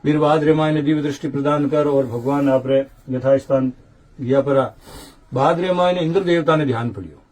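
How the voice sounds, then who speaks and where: A man's voice: on the high side, darkish tone. Older Rajasthani man reciting devotional lore. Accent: Marwari. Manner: slow chanting delivery of couplets. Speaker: saint narrating temple history. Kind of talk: devotional storytelling with recited verse.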